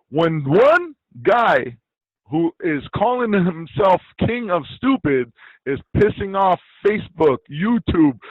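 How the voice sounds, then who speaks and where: Blunt, animated man, lo-fi dry sound. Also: high-pitched, slightly rough, dry recording. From Iraq. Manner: blunt, animated, swears freely. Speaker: interview guest, YouTuber. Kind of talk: casual interview talk.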